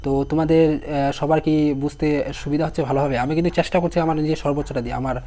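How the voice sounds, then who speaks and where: This teacher is a hoarse young man whose dark, mellow voice sits fairly high for a man and stays steady. Leading an online exam-prep lesson, he sounds out each word slowly and asks his students questions while spelling it.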